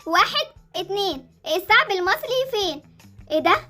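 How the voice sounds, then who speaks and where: A woman's voice: very high voice, very animated, brisk, sharp tone, soft background music, heavily acted. A woman voicing a cheeky young girl with an Egyptian Arabic accent, chatty and bossy. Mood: curious.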